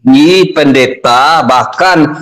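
A man in a religious debate, calmly questioning and often seeking agreement. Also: mid-range voice, drawn-out words, low-quality recording. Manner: questioning, keeps saying "ya kan". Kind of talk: heated debate.

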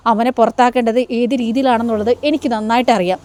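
A woman's voice: on the high side, steady tone, quick pace, a little mellow, lightly acted. A woman voicing a stern, domineering middle-aged mother-in-law in a story recap. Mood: scolding. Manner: scolding, domineering.

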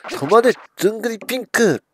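A man's voice: high-pitched, animated, a little fast, a little hiss or hum, pitched above the performer's own voice. A man reading out the lines of a haughty female lightning commander from a video game, in a fairly plain voice. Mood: stern. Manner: reading game dialogue aloud stiffly.

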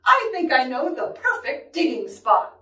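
Woman as an eager young boy, high-pitched, echoey. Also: sing-song, a little slow, sharp tone, distant mic, exaggerated voice. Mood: eager, hopeful. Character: eager, polite young boy who joins pirates. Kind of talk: storybook character read-aloud. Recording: roomy echo, off the mic.

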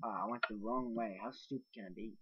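A man hosting a casual let's play, excitable, swearing and yelping when startled. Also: lowish voice, quick pace, breathy edge. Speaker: gaming channel host. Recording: dull lo-fi mic.

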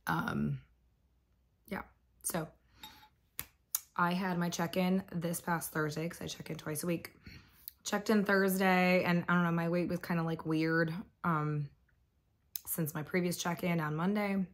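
A woman vlogging at home in a casual, rambling way, hoarse and coughing from bronchitis. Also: on the low side, fairly even intonation, measured pace, pauses often. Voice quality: husky, lost voice. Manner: chatty, rambling with fillers. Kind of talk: casual vlog chat.

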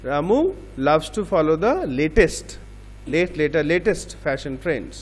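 A man's voice: fairly high pitch, animated, drawn-out words. Bengali-accented male teacher, echoey room. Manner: explains in Bengali mixed with English examples, asks and answers his own questions. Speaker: English teacher. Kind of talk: grammar lesson.

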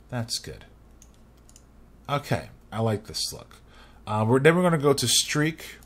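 Young male tutorial host, low-pitched, loose rambling delivery at a desk mic. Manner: rambling, restarts phrases, casual. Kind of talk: screen-recorded software tutorial.

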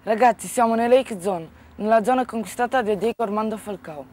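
A teenager acting as a field reporter on a school news broadcast, in an eager reporting tone. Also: female voice, on the high side, a little fast, darkish tone. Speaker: student reporter.

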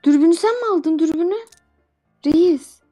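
A woman's voice: very high voice, normal speed, warm tone, highs cut off, faint music behind. A woman co-player teasing her partner playfully in casual chat during a game.

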